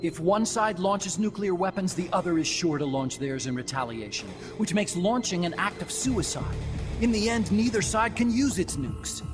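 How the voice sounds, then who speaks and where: Here a man speaks at normal speed in a high voice with lively intonation. As a game character in a cutscene, he is an actor playing a young, earnest, talkative engineer-scientist who goes on explaining, backed by game score music.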